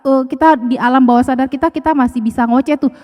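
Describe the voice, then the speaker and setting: A woman's voice: high-pitched, steady tone, fast talker, darkish tone, in a large hall. A young adult woman with an Indonesian accent giving a casual church devotional that ends in prayer, acting out her own thoughts as she speaks. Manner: conversational, acts out her own inner voice.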